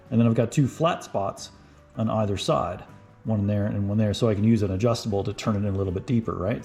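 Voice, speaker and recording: A man casually narrating his car fabrication work as he goes, thinking out loud and often checking in with "right?". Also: on the low side. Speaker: car restoration vlogger. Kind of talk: casual how-to narration while working.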